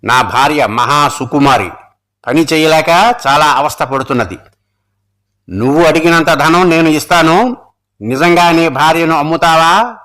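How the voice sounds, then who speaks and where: A man's voice: a little high, lively intonation, a little slow, fairly bright tone. A man voicing a harsh, stern old brahmin in a storybook reading, speaking in a curt, commanding way.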